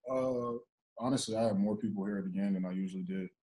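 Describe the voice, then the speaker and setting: A young man, a basketball player, answering reporters' questions calmly after a game over a video call. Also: fast, rough recording. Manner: low-key, even, steady delivery. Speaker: basketball player at postgame press conference. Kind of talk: postgame interview answers. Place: indoor press backdrop, remote video call.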